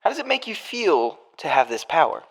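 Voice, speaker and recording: A man's voice: a little high, big pitch swings, a little fast. A man reading the part of a formal prison interviewer in a murder mystery game, sticking to scripted questions. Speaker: podcast host.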